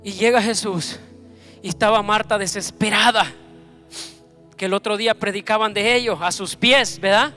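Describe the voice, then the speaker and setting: Fervent high-voiced male preacher. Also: normal speed, faint music behind. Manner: fervent, rising to loud proclamations. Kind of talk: sermon.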